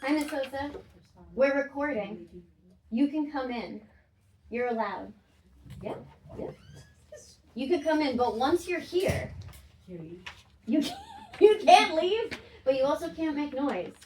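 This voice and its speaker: A woman coaching students through a video shoot in a school classroom, animated and teasing as she gives directions. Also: high voice, takes it slowly, pauses often, far from the mic, slight background noise.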